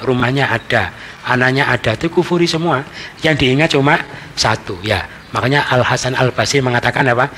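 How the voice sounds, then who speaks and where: Preacher in an echoing mosque. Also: male voice, mid-range voice, fairly bright tone. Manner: conversational, asks and answers his own questions, frequent "gitu ya". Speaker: Islamic teacher giving Quran commentary. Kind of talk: mosque study sermon. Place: mosque hall. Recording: hall reverb, faint background noise.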